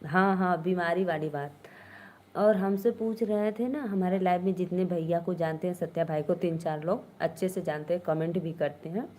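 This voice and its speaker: A woman's voice: fairly low pitch, moderate pace, mellow, slight background noise. A young woman with an Awadhi-tinged Hindi accent hosting a casual live stream, chatting with viewers and answering their comments.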